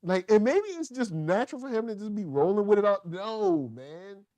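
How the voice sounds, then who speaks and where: A man hosting a casual TV review chat, animated and laughing, often acting out the characters' lines. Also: high-pitched, normal speed, no echo. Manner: animated, laughing, acts out quotes. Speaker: podcast host.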